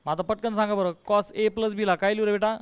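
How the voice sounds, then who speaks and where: A man's voice: high-pitched, steady tone, fairly quick, clean tone, no room sound. A male math teacher giving a call-and-response lesson, coaxing and quizzing his students and mixing in English terms. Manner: coaxing, quizzes students, calls them dear.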